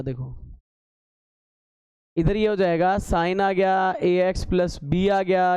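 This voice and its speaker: High-voiced teasing male math teacher. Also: a little mellow, clear, resonant tone, no room sound, lo-fi sound. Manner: teasing, scolding students with sarcastic asides; works steps aloud, repeating key terms as questions. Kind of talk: classroom lecture at a board.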